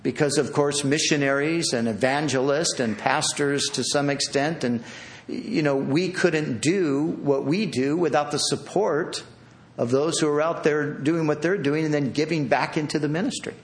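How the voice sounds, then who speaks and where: In a church hall before an audience, a male pastor with a rather high voice preaches at a moderate pace. His sermon is earnest and pleading, with repeated phrases and restarts.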